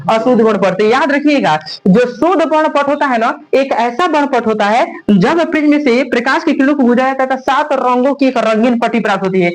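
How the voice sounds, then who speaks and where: A man's voice: extremely high pitch, brisk, rough recording. A man teaching physics in a classroom lecture, speaking with a tinge, repeating questions and calling his students "babu". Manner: repeats questions and has students answer, calls them "babu".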